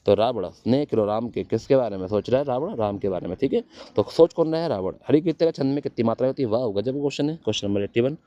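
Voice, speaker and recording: Fast-talking exam coach, man. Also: mid-range voice, animated, dark tone, no echo, muffled recording. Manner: quizzes students, answers own questions. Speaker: exam-prep teacher. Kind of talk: fast exam-prep lecture.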